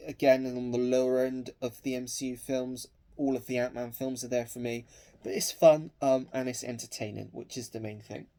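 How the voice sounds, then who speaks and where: A young man with a cold sniffles while showing off his film collection, chatting casually and hesitantly with lots of ums. His mid-range voice is mellow.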